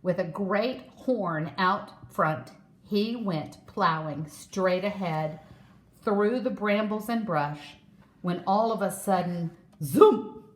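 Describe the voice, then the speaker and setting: Reading a children's story aloud, a woman storyteller takes her time and stays expressive throughout. Her voice sits in the middle range, and the roomy space around her gives it an echo.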